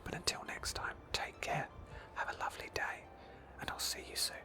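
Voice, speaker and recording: An ASMR host softly narrates a video game roleplay at a moderate pace, her hushed, breathy whisper close to the microphone.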